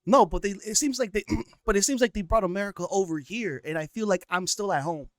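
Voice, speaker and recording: A man's voice: high voice, a little fast, a bit bright, no echo, studio quality. A man giving casual, sarcastic reaction commentary, often stumbling and repeating words.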